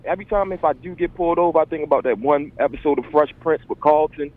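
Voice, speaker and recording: A man's voice: a little high, fast talker. Laid-back male caller on a phone line. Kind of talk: call-in comment.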